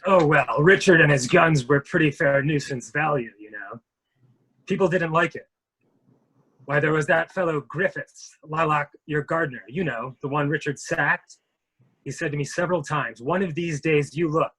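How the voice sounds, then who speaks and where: In a murder mystery reading on a low-quality recording, a man with a fairly high, slightly rough voice plays a genteel army major running for Congress. At a moderate pace he blusters and evades, using formal, hedging, old-fashioned gentlemanly phrasing.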